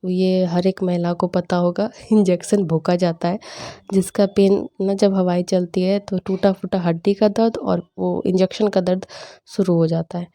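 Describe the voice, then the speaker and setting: A young woman in casual voice-over narration for a home vlog, chatty and animated as she retells family banter. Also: lowish voice, normal speed. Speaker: vlogger.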